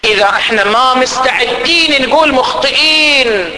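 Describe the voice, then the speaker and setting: A man preaching a sermon, swinging between loud rising exhortation and slow, low recitation of scripture. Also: low-quality recording.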